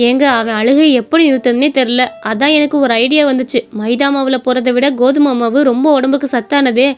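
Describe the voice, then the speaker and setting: A woman's voice: high voice, steady tone, a little fast, faint music behind, lightly acted. Woman doing a strict, caring village mother. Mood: stern. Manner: scolding, firm.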